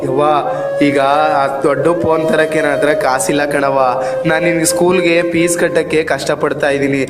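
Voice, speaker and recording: A hard-working village father pleads softly with his only child, as a man plays him on a festival stage. His voice sits a little high and rings around a reverberant hall. Music hums behind him. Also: flat delivery, a little fast, close to an everyday voice. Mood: coaxing. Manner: pleading, coaxing, earnest. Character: poor laboring father doting on his only daughter. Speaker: stage actor. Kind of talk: village stage play acting. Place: open stage at a temple festival.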